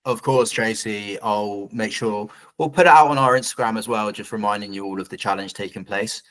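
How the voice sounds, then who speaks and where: Relaxed low-voiced man hosting. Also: fairly quick, rough recording. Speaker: host. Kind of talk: casual meeting chat.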